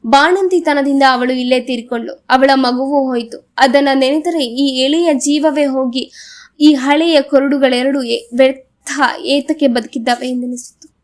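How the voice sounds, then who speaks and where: Woman, audiobook narration, high voice, measured solemn reading. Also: steady tone. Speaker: audiobook reader. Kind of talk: scripted narration.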